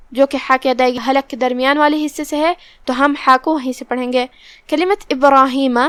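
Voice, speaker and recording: A woman teaching the rules of Quran recitation, explaining each letter step by step and then reciting slowly and drawn out. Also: high-pitched, fairly bright tone, no room sound. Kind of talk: tajweed lesson with slow recitation.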